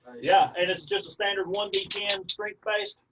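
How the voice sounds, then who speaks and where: A man's voice: sits high, steady tone, moderate pace. A man talking casually as a player in a tabletop roleplaying game. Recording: distant mic, dull sound, faint noise.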